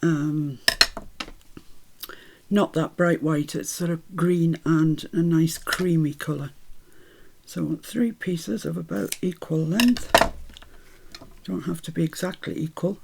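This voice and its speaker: Her low voice comes slow and creaky, with long pauses and a lot of background noise behind it. A craft channel host born in Scotland, she has a mixed British accent from her Midlands years and chats happily through a tutorial, laughing often as she crafts.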